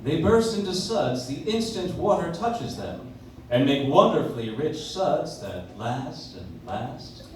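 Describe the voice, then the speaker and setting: An actor with a fairly high, slightly mellow, sing-song voice plays a polished, enthusiastic 1940s radio announcer. He reads a live commercial slowly and emphatically, like a salesman, in a promotional mood. The recording sounds echoey and distant, with an audience and faint noise.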